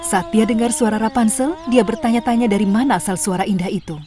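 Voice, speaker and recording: A woman narrating a fairy tale for a cartoon in an even, clear scripted storybook voice. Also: fairly high pitch, fast, a crowd in the background. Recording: studio voice-over with music bed.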